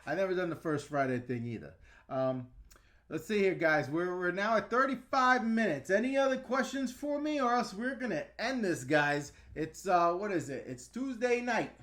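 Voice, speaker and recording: Chatty higher-voiced man on a livestream. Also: lively intonation, normal speed, a bit bright. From New York / New Jersey area. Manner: chatty, frank, loose, with frequent ums and laughs. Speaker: channel host answering live chat. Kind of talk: casual livestream Q&A.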